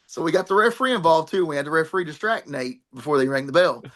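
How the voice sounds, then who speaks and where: Middle-aged man, wrestler, rambling storyteller, laughs often, somewhat high voice. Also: lively intonation, quick pace, fairly bright tone. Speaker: pro wrestler and trainer. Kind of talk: animated storytelling in a podcast interview.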